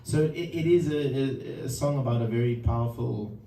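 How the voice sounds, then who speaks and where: A man's voice: medium pitch, dark tone. Man speaking from across a roomy space. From Zimbabwe. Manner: halting, thoughtful, with many pauses and fillers. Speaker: singer-songwriter introducing a song. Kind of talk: casual spoken song introduction at a live session. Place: live music session room. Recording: roomy, distant mic with faint background noise.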